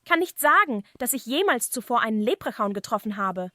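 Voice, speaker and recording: A woman's voice: on the high side, sing-song, a little fast, pushed and bright, no room sound, clean studio sound. A woman voicing a poor, kind-hearted, modest young village man, polite and sincere, in a fireside story. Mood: friendly surprise.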